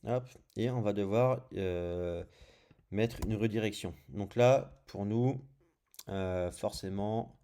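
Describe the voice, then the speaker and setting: Low, mellow-voiced French man teaching code. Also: takes it slowly, clean tone. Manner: thinks aloud while clicking through screens, frequent "hop" and "euh". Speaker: programming tutorial host. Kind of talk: casual screencast coding tutorial.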